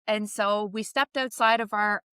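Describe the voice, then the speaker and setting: A woman from Canada with a bright, forceful voice tells a personal story on her podcast. She speaks in a candid, animated way. The sound is close and dry. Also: medium pitch, measured pace, clear, resonant tone, no room sound. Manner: animated, vivid storyteller who acts out quoted voices. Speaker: podcast co-host.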